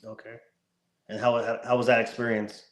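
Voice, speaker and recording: A man co-hosting a live stream interview, asking halting, stumbling questions. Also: medium pitch, flat delivery. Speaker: co-host. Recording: echoey room.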